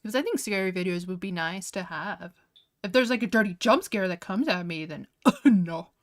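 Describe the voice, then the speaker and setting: A woman's voice: medium pitch, lively intonation, moderate pace. A young woman streaming while she draws. She chats casually, often saying "like", and keeps breaking into giggles as she reacts in disbelief. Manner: giggly, laughs often, heavy use of "like". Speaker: art streamer. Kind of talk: casual livestream chat while drawing.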